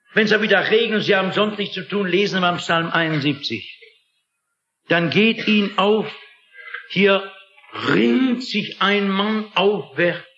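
A man's voice: high-pitched, pushed and bright. A man preaching a sermon in an emphatic, dramatic manner, often asking the listeners rhetorical questions. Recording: echoey, dull lo-fi recording.

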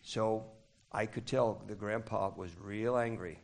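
An older man, a grandfather, preaching in short phrases and pausing between them for a live interpreter. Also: on the low side, fairly even intonation, gravelly, a little mellow.

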